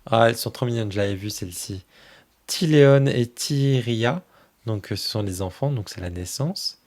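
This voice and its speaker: A man hosting a tarot channel, casually flipping through a new oracle deck and fondly commenting on each card in a soft voice that often trails off. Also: mid-range voice, moderate pace.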